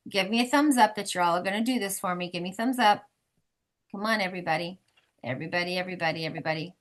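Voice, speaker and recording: A woman with a medium-pitched, pushed and bright voice leads a weekly support group over a video call. She's chatty and encouraging as she gives the members instructions in a casual group setting.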